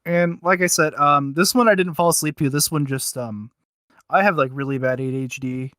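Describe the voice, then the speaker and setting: A man co-hosts a podcast review chat, speaking casually and unscripted in a hesitant, rambling way full of fillers. His voice is a little high and a bit bright, at a moderate pace, captured in studio quality with no room sound.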